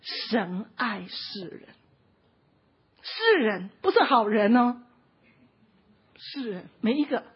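Very husky high-voiced woman preacher. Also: sing-song, takes it slowly, pauses often. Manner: impassioned, often near tears, frequent "ha" tag particles. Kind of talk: emotional sermon storytelling. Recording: dull lo-fi recording.

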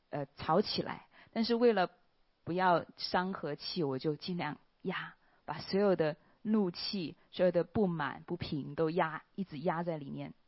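A woman tells her personal testimony in an earnest, unhurried way, pausing softly and often ending phrases with a gentle "ha". Her voice sits at a middle pitch. The recording is a bit dull and lo-fi, with a dry, close sound. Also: no echo. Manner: earnest, with soft pauses and a trailing "ha" particle. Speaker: church member giving testimony.

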